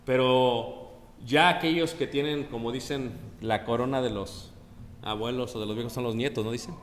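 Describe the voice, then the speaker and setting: A man's voice: medium pitch, steady tone, moderate pace, roomy sound, big-room sound. A man preaching a sermon in a conversational way, often asking the congregation questions. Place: church.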